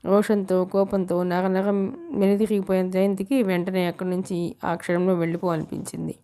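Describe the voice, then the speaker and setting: A woman narrating a novel for an audiobook in a steady, measured way. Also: fairly low pitch, clear, resonant tone. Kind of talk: reading a novel aloud.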